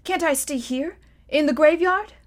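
A woman's voice: high-pitched, measured pace, voice pushed up. Woman doing an earnest young guy, pleading, eager questions. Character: boy on the verge of manhood, earnest, pleading.

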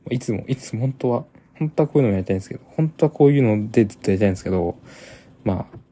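A man's voice: fairly low pitch, lively intonation, racing, dark tone. A young man hosting a casual solo podcast, rambling with many restarts and repeated fillers. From Japan. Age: young adult. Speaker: podcast host.

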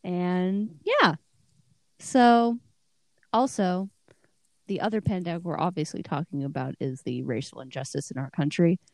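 Giggly woman podcast co-host, low voice. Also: measured pace, darkish tone, no room sound. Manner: giggly, rambling with fillers. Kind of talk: casual podcast chat.

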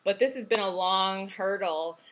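A woman's voice: medium pitch, measured pace. A woman who founded a guitar magazine, interviewing a guest over a video call and often affirming what she says. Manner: warm, affirming, frequent backchannel.

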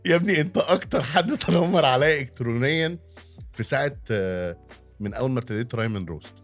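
A man's voice: medium pitch, animated, fast talker, faint music behind. A man with an Egyptian accent chatting casually and bantering, repeating phrases for emphasis. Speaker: stand-up comedian and amateur rapper. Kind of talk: casual chat.

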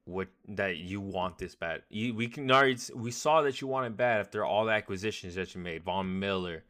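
A man talks football on a casual podcast in a lowish, bright, forward voice. He rambles and trips over his phrases, doubling back often. His delivery stays loose and conversational. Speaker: podcast co-host. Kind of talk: casual sports podcast chat.

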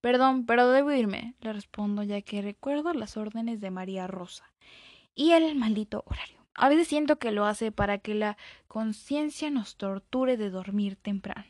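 A woman reading a first-person story aloud, dramatic and expressive, dropping into whispers now and then. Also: medium pitch, normal speed, no echo, clean studio sound.

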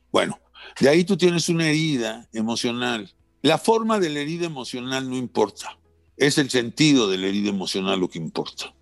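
Reflective male guest, gravelly voice, dry recording over soft music. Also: mid-range voice, dry recording. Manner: earnest, introspective, repeats words. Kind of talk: reflective personal conversation.

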